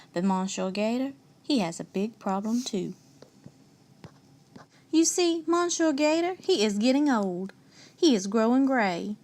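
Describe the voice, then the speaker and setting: A woman reading a children's picture book aloud in a slow, playful, folksy way, asking her young listeners questions. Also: on the high side, a little mellow. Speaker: storyteller.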